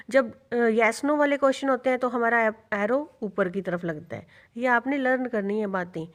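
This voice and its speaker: A woman teacher giving a revision lecture, explaining step by step and answering her own questions. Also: fairly high pitch. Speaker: English teacher.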